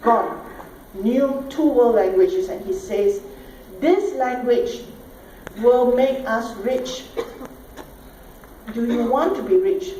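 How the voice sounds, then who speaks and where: A middle-aged Singaporean woman with a Singaporean accent gives an emphatic conference talk packed with rhetorical questions and checks like "all right?" Her voice sits on the high side with a dark tone, and she speaks slowly with frequent pauses. The echoey hall is picked up by a distant mic with faint noise.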